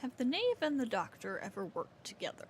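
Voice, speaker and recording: A woman's voice: on the high side, huge pitch swings, fairly quick, a little hiss or hum. A woman livestreamer reading out video game text and reacting to it. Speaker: game streamer. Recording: game music behind the voice. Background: game music.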